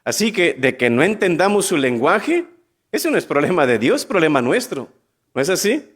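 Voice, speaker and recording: A man preaching a sermon, asking his congregation questions and quickly acting out biblical dialogue in different voices. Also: a little high, very animated, slightly rough.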